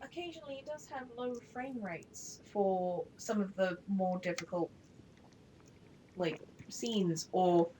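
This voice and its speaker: A woman's voice: medium pitch, takes it slowly, warm tone, slight background noise, rough recording. A woman chatting casually and rambling on a live game stream, with many fillers and offhand swearing. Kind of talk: casual chat.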